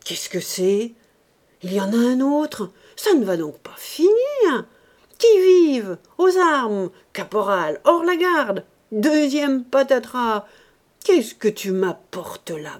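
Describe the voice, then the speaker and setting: A woman voicing a blustering gruff old vagabond. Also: mid-range voice, big pitch swings, unhurried, warm tone. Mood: loud bluster. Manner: blustering, ranting, grandly insulting. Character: gruff grumbling old male vagabond philosopher. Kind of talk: audiobook character reading.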